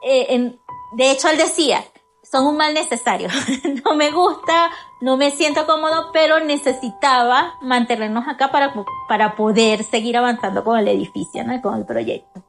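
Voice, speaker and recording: A Venezuelan-accented woman tells her own experience with candor and composure. Her voice is high, and clear music sits underneath. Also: fairly even intonation, normal speed. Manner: candid, composed storytelling. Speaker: interviewee. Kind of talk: personal testimony. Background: background music.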